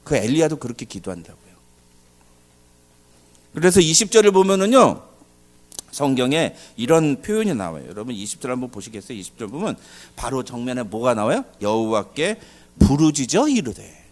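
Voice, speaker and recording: A man's voice: mid-range voice, a little fast, pauses often. Male pastor mid-sermon, asks the room questions, voice jumps all over the place. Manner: animated preaching with loud dramatic outbursts. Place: church service.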